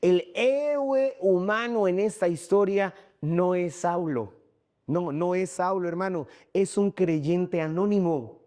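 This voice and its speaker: A man delivers a sermon to his congregation, his voice sitting a little high for a man. He keeps calling out "brother" and answering his own questions with insistent emphasis. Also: warm tone. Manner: emphatic, repeatedly addresses "hermano", asks rhetorical questions. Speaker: pastor.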